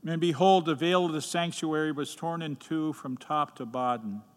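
A man reading the gospel at Mass in a slow, measured, solemn way, his voice carrying a long cathedral echo in a large church. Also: fairly high pitch, fairly even intonation. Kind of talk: liturgical scripture reading.

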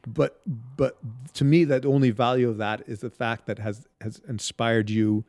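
A man from Barbados speaks in a reflective, halting way, restarting his sentences often. His voice sits at an average pitch and is recorded dry and close, with no room sound. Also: fairly even intonation, a little mellow, no room sound. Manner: halting, many restarts and fillers. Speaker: guest, Bible storyteller. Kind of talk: reflective interview talk.

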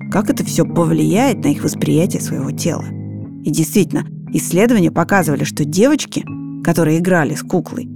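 A woman's voice: sits low, creaky. A woman giving explanatory, scripted documentary narration. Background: background music.

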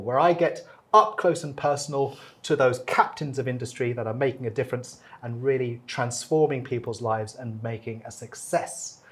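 Husky-voiced male interview host. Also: mid-range voice. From England, half English. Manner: warm enthusiastic interjections, formal introduction. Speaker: host, professor. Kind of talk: interview hosting.

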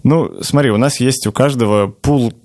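A man's voice: medium pitch, normal speed, darkish tone. A man giving casual interview answers as a design lead, explaining things with careful hedges.

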